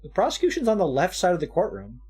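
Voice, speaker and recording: A woman's voice: on the low side, wildly swooping pitch, quick pace, darkish tone, breathy edge, faint music behind. A woman in a casual video game playthrough, chatting and reading aloud from the game.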